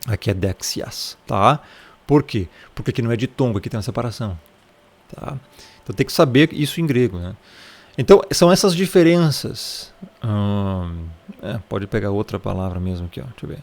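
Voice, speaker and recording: A man's voice: lowish voice, animated, a little fast, creaky, a little mellow. Chatty Brazilian man teaching the Bible. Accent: Brazilian Portuguese. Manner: chatty, keeps asking "tá?" and pointing at the text. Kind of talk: casual Bible study lesson.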